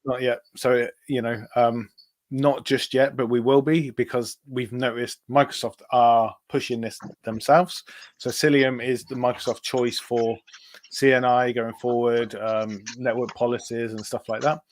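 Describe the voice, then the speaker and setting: A man's voice: mid-range voice, little pitch movement, unhurried, no room sound. Man speaking in a dry, close sound. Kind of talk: casual tech chat.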